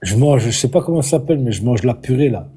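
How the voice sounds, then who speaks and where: A man's voice: mid-range voice, animated, fast, dark tone, breathy edge. A middle-aged man from Belgium calling into a live stream, speaking earnestly and a bit hesitantly. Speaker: caller. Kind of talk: casual conversation.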